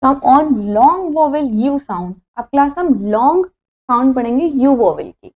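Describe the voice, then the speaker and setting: A woman's voice: sits high, sing-song, slow, a little mellow, highs cut off. A woman teacher, walking through a phonics lesson and spelling out each word letter by letter before saying it whole. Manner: spells words letter by letter, then says them; mixes Hindi and English explanations.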